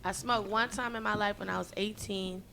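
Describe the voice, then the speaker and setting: A woman's voice: mid-range voice, fairly even intonation, fairly quick, vocal fry, background noise. A young woman with a West Coast American accent, a podcast guest in casual chat, laughing and chiming in often.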